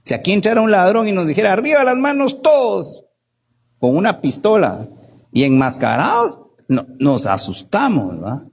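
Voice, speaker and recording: A man, a doctor, giving an animated workshop talk in Guatemalan Spanish, often asking "¿verdad?" and acting out the people he quotes. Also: fairly high pitch, moderate pace, creaky, husky.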